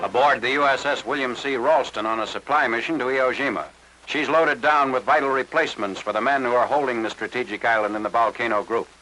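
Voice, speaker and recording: An American man reads scripted narration as a 1940s newsreel announcer, his mid-range voice fast, pushed and bright. The delivery is formal, clipped and military. It sounds like a noisy 1940s newsreel film soundtrack.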